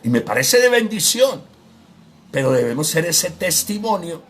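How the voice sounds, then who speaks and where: A man's voice: on the high side, very animated, normal speed. A man giving an informal Bible teaching, speaking directly to his listeners with frequent tag questions and hesitant fillers. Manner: addresses listener directly and formally.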